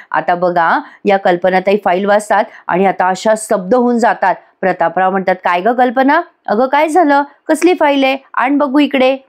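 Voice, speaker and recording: A woman's voice: medium pitch, a little mellow. Woman recapping a TV serial episode. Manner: retells scenes acting out characters' lines, addresses viewers directly. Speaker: TV serial reviewer. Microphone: voice-over recorded separately.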